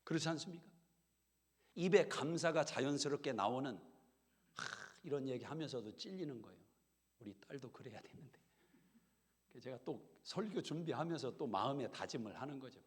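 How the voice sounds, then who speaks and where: A middle-aged male pastor preaching a sermon in a conversational, humorous way. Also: medium pitch. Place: church sanctuary. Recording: long hall reverb.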